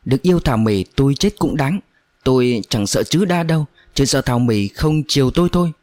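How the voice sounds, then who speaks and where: A man's voice: medium pitch, animated, a little fast, darkish tone, no room sound, lightly acted. A reckless, lovesick young man in a storybook reading, pressing his case ardently, as a male narrator plays him. He keeps insisting. The recording is dry and close. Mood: feverish.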